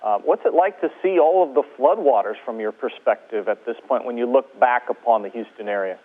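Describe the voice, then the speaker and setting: A TV reporter with a medium-pitched voice asks friendly, straightforward questions at a brisk pace over a space-to-ground radio link. The audio is tinny and phone-like, typical of a radio link.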